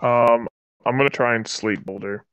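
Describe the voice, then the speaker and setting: Creaky-voiced, casual tabletop player. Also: medium pitch, unhurried, dry recording. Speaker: player in a tabletop role-playing game. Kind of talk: casual in-game banter.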